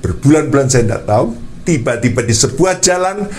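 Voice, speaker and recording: A man preacher telling a personal story in a lively sermon, addressing the listeners as brothers. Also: mid-range voice, fairly quick.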